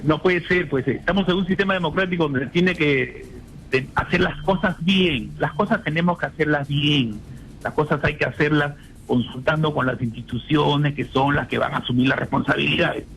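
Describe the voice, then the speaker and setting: A man's voice: a little high, normal speed, gravelly, fairly bright tone, faint music behind, rough recording. An older man, a retired general, speaking indignantly as a radio guest and firing off rhetorical questions. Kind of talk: phone-in radio interview.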